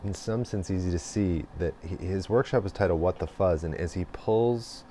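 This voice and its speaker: A man with a very low voice reflects aloud in a slow, wandering way, pausing often and trailing off with fillers. A faint hiss sits under the recording. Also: dark tone. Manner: slow and meandering, with many pauses and fillers. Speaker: host. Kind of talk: reflective spoken monologue.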